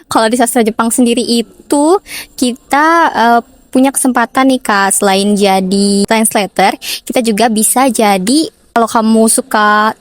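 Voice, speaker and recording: A woman's voice: fairly high pitch, fairly even intonation, normal speed, no echo. A young woman from Indonesia co-hosting a casual educational chat, sprinkling in Japanese words. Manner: peppers talk with Japanese words. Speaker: co-host representing Japanese literature studies.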